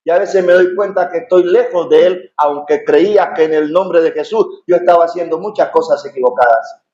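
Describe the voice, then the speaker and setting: Middle-aged pastor preaching loud in an echoey church, a bit dull and muffled. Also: male voice, a little high, moderate pace. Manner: impassioned preaching, rising to shouts. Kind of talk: sermon. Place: church sanctuary.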